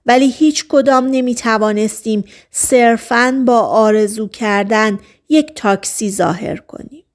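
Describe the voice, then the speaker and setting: A woman narrating a novel as an audiobook in calm, even storytelling. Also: fairly high pitch.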